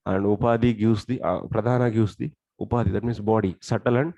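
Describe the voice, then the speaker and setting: A man's voice: on the low side, steady tone, fairly quick, mellow, dry recording, lo-fi sound. A man with a South Indian accent teaching a religious lesson step by step, often putting questions to his listeners. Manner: explains step by step, asking questions. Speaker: scripture teacher.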